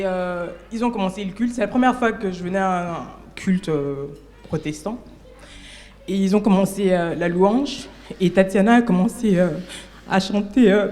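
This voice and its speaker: Woman, church member sharing her testimony at a service; halting, self-correcting delivery. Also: mid-range voice, darkish tone. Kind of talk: personal testimony to a congregation.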